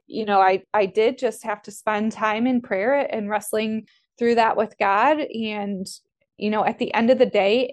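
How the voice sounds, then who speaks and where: Earnest woman sharing her faith story. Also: mid-range voice. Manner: earnest, reflective, speaks of faith with conviction. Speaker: coaching student, nutrition business owner. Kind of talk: faith-based interview conversation.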